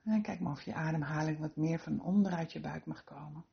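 A woman with a low voice and a noticeable creak leads a guided meditation. She gives soothing instructions and leaves the listener room to settle. The sound is slightly dull and muffled. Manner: soothing, unhurried instructions with gentle encouragement.

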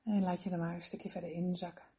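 A woman leading a slow guided relaxation meditation in a soothing, gentle, unhurried manner with long pauses. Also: lowish voice, flat delivery.

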